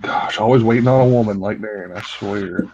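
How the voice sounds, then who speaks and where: A man's voice: on the low side, brisk, a little mellow, slight background noise. A man joining a live stream as a guest, teasing and joking with stammered starts. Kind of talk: casual chat. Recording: dull lo-fi call audio.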